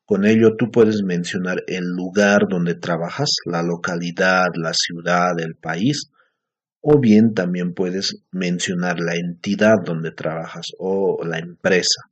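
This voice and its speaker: A man's voice: sits low, steady tone, takes it slowly, slightly rough. A man teaching an Aymara class, explaining patiently and checking in with his students often. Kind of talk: recorded language lesson. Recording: dull lo-fi recording.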